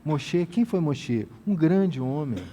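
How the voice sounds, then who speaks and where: A man teaches from scripture in a sermon style, his voice sitting a little high. He shifts between softly voicing a tender divine speaker and building to emphatic, rising appeals. The sound carries a long reverb from a large hall. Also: lively intonation, takes it slowly, a little hiss or hum. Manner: reads scripture and paraphrases God's voice in a gentle, intimate tone; rises to emphatic exhortation. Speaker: Bible teacher. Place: inside a tent.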